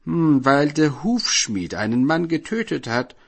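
A man's voice: fairly high pitch, a little slow, gravelly, breathy edge, voice pushed up, exaggerated voice. Man reading as a smug village judge. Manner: calm, matter-of-fact reasoning. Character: self-assured male village judge.

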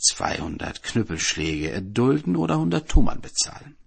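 A stern old-world judge who lectures and mocks, heard in a storybook folk tale, as a male narrator puts him on. The voice is gravelly and husky, with a lively rise and fall. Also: lowish voice, moderate pace, heavily acted. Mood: mocking. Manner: lecturing, mocking.

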